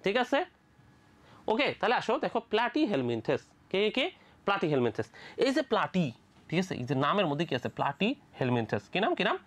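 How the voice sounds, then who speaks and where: A quick-talking tutor from Bangladesh teaching biology for medical admission. The voice swoops up and down constantly, firing questions at the class and answering them right away. Casual, playful asides keep the lecture moving. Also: medium pitch, very animated.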